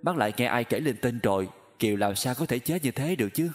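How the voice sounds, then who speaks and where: A man's voice: medium pitch, expressive, quick pace, soft background music, lightly acted. A man voicing a polite young man who stammers in shock, in a storybook reading. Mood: shaken.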